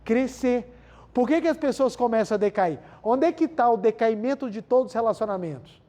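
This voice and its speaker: A man's voice: extremely high pitch, lively intonation, a little fast, mellow. A man with a Brazilian accent giving a spiritual talk full of everyday stories, often calling out to his audience and repeating key lines for emphasis. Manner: keeps addressing the audience as "gente", repeats key phrases for emphasis. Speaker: spiritual lecturer.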